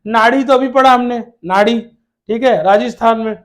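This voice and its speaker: A man's voice: extremely high pitch, fairly even intonation, normal speed, a bit bright. A male teacher giving an exam-prep lesson to children, addressing them fatherly as "beta" and asking questions he answers himself, repeating key words. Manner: calls students "beta" in a fatherly way.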